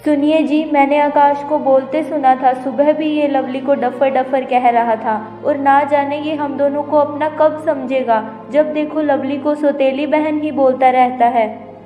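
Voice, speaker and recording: A woman's voice: high-pitched, fairly even intonation, a little slow, dark tone. A woman playing a wicked, scolding stepmother who schemes and threatens in a cartoon moral story. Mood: scheming, complaining. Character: wicked scheming stepmother, doting on her own daughter. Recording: echoey long reverb, music behind. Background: background music.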